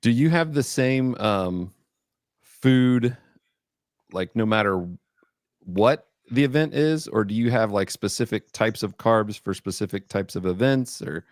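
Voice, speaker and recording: Brief: casual male podcast host, lowish pitch, close dry mic. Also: animated, a little slow, no echo. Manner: easygoing, hesitant with fillers.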